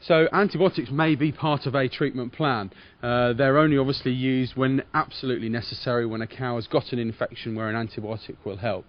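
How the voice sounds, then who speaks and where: A male vet answers interview questions in a measured, professional way. His explanations are careful and plainly put. The recording is a little dull and lo-fi. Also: medium pitch, fairly even intonation. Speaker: farm veterinarian.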